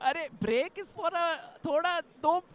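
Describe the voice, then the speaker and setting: Male live chess commentator, Indian accent, high pitch, animated and agreeable delivery. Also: moderate pace, a little hiss or hum.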